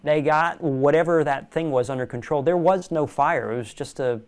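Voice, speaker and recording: A young man, a magician guest in a casual interview, telling animated stories and laughing often. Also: a little high, normal speed. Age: young adult.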